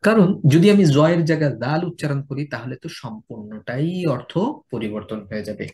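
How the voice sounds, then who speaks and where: A male teacher with a Bangladeshi Bengali accent gives a methodical tajweed lesson. He drills each letter aloud, then says it the wrong way to show the difference, at a measured pace and a middle pitch. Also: lively intonation, a little mellow. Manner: slow, repetitive drilling of letter sounds, contrasting right and wrong pronunciation. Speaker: Quran recitation teacher.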